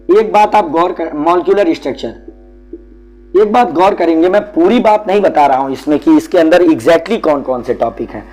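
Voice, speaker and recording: Guy teaching chemistry class, kinda high voice, patient, talks to students like a dad. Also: mellow, poor audio. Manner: explains patiently, calls students "beta". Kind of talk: classroom syllabus lesson.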